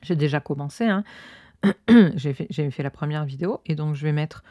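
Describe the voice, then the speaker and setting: A woman's voice: low-pitched, normal speed, no echo, highs cut off. A woman with a Cantal accent from Auvergne, hosting a podcast and chatting casually while she crochets, rambling with many fillers. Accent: Cantal, Auvergne French. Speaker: podcast host. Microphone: own close microphone.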